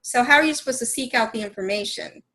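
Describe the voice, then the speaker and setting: A woman talking thoughtfully on a podcast, slow and searching for words as she explains her point. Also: fairly high pitch, pushed and bright, low-quality recording. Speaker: podcast co-host. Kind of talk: casual conversation.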